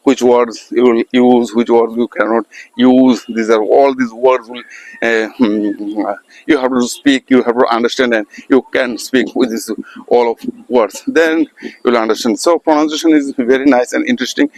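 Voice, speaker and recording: A man's voice: mid-range voice, fairly even intonation, moderate pace, darkish tone, dry recording, rough recording. A man, teaching pronunciation in an informal spoken lesson, hesitating often with many fillers and restarts. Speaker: English teacher.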